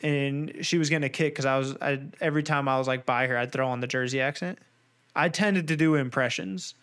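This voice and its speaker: A man's voice: mid-range voice, fairly even intonation, a little fast, fairly bright tone, clean tone. A young man in his twenties chatting casually on a podcast, rambling with lots of fillers and jokes. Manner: rambling, filler-heavy, jokey.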